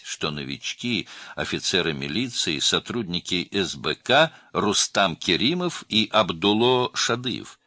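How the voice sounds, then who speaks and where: Deep-voiced male audiobook narrator. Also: pushed and bright, no echo, clean studio sound. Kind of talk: scripted crime-novel narration.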